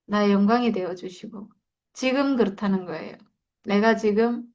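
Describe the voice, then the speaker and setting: A woman's voice: medium pitch, darkish tone. A woman leading a Bible study, reading verses and explaining them in a reflective, repeating way. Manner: reflective, repeats and stresses points. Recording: slightly dull lo-fi sound.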